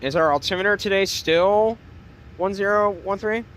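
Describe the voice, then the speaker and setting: A man's voice: high voice, normal speed, fairly bright tone. A man flying a simulator, chatting casually and calling out checklist items as pilot. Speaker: flight sim streamer acting as pilot. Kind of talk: casual cockpit chat with checklist calls.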